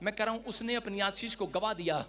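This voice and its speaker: A man preaching a fervent sermon, moving between quiet storytelling and loud shouting, calling on the audience to respond. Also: sits high, a little fast.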